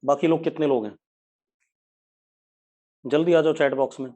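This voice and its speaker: Male physics teacher, brisk and scolding, live online lecture. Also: a little high, fairly even intonation, mellow. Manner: brisk, scolds students by name.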